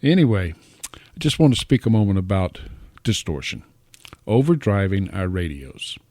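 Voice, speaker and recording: An amateur radio hobbyist with a low voice narrates an informal, explanatory demo reviewing microphones. He's very animated and warm, speaking at a normal speed close to a dynamic podcast or studio mic in a dry recording.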